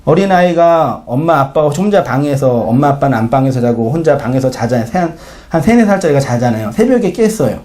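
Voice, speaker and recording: A male pastor preaches a sermon in an animated, conversational way, talking quickly with few pauses in a fairly high, mellow voice. He regularly puts questions to the congregation and acts out short quotes in shifting voices.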